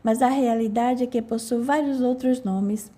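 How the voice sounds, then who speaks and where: Death as a dapper, sarcastic gentleman in an audiobook, put on by a woman reader. The voice sits fairly high yet sounds mellow, and each line is laced with teasing. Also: steady tone, moderate pace, lightly acted. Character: Death as an elegant, mocking gentleman. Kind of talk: audiobook character reading.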